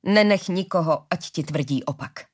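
A woman reading the lines of a gentle, forgiving father in a storybook, slowly and earnestly, with a low husky voice.

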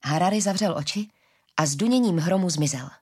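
A woman reads a fantasy tale aloud in a calm, steady manner. Her voice sits slightly low for a woman. The narration flows evenly from line to line. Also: slightly rough. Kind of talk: audiobook narration of a fantasy story.

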